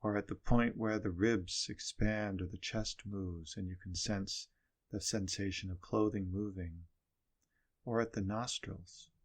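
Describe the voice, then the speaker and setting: Male meditation instructor, lowish register, very unhurried delivery, measured phrases and pauses. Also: fairly even intonation. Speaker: meditation teacher.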